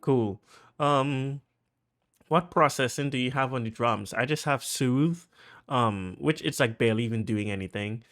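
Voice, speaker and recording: Speaking a little slowly at medium pitch, a Trinidadian-accented music producer chats about making a track. His explanation is casual and full of fillers, and his excitement builds as he goes on.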